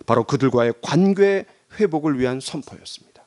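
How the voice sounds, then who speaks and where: A man's voice: fairly high pitch, animated, a little fast, darkish tone. A man preaching a Sunday sermon as pastor, dramatically acting out the voices in the quotes he tells. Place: church sanctuary.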